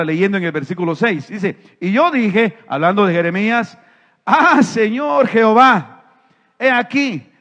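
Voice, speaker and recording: Impassioned male pastor, fairly high voice, drops to near-whispers then builds to emphatic shouts; dull, reverberant church-hall recording. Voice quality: impassioned preaching. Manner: swings from quiet, drawn-out phrases to emphatic, shouted declarations. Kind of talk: sermon. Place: church sanctuary.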